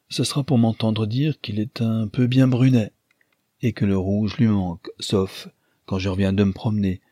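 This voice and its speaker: A man with a husky voice voicing an impetuous young wife who scolds with imperious, haughty commands. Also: on the low side, mellow, dry recording, clean studio sound. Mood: teasing tender. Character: impetuous young wife, tender then fiery-tempered.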